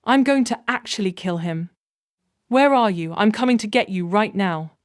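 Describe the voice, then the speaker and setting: A woman's voice: mid-range voice, moderate pace, dry recording, clean studio sound, lightly acted. A woman reading the lines of an angry, protective brother in a storytelling narration. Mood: urgent.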